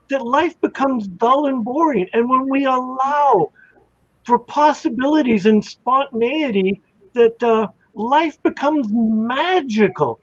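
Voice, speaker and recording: A woman's voice: high-pitched, dry recording, highs cut off. A woman hosting a podcast conversation, reflective and encouraging as she invites stories from her guests. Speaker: host.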